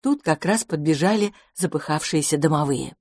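A woman narrating a children's story in an expressive, lively reading style. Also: low voice, normal speed, no room sound, studio quality.

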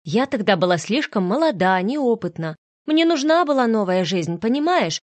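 A woman's voice: medium pitch, big pitch swings, moderate pace, dry recording, natural voice. A woman reading an audiobook, voicing a brazen, manipulative young woman who talks in a coy, whiny, melodramatic way. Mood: coquettish.

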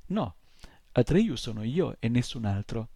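A man's voice: mid-range voice, sing-song, unhurried, dark tone, slightly rough, dry recording, heavily acted. A man voicing a proud ten-year-old boy hunter who speaks curtly, in an audiobook reading. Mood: resentful.

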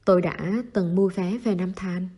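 A woman's voice: lowish voice, steady tone, a little slow, warm tone, husky. A woman reading the part of a stubborn teenage boy who talks in blunt, clipped lines and gets flustered when pressed. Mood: remorseful. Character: stubborn teenage boy, gruff but tender.

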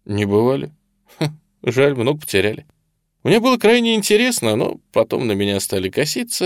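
A man reading an audiobook, voicing a sly male colonel interrogator who talks smoothly and with false cordiality. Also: on the high side, no echo, studio quality, voice pushed up, heavily acted. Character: sly, ingratiating middle-aged male Soviet colonel interrogator.

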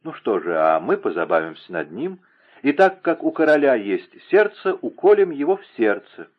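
Мужчина-чтец озвучивает отчаявшуюся молодую влюблённую девушку, страстно умоляющую. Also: male voice, mid-range voice, sing-song, normal speed, voice pushed up. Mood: bitter, desperate. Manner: impassioned, pleading. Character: young woman, distraught, pleading lover. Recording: narrow phone-like lo-fi sound.

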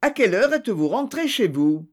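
A man's voice: high voice, very animated, a little fast, voice pushed up. A man doing a curt interrogating judge. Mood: stern. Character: stern male investigating judge, cold and probing.

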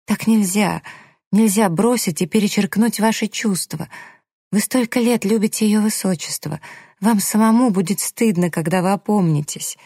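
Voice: mid-range voice, fairly quick, no room sound, clean studio sound, voice pushed up, lightly acted. A reader voicing a naive young woman secretary who pleads and protests in an audiobook. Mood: pleading. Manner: pleading, indignant, tearful. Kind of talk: audiobook character reading.

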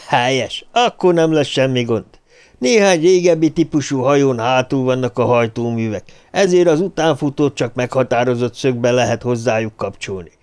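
A man's voice: mid-range voice, lively intonation, darkish tone, smooth, natural voice. A man voicing a hearty, gray-haired male army colonel who talks boisterously, in an audiobook. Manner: boisterous, exclaiming.

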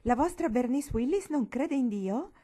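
A woman's voice: sits high, expressive, moderate pace, voice pushed up. A woman voicing a stern, zealous old bearded uncle who thunders his words, in a storybook reading. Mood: thundering. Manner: thundering, shouting.

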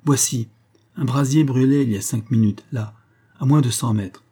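A man voicing a calm, keen young woodsman in an adventure audiobook, explaining steadily. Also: medium pitch, normal speed, slightly rough. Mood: confident.

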